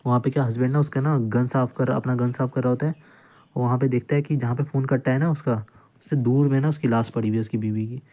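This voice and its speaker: A man lectures on law in a relaxed, informal way, walking through cases step by step and repeating phrases to make them stick. His voice is very dark and mellow, sitting at an ordinary middle pitch. He drops English legal terms into his talk as he explains. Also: quick pace. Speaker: law tutor.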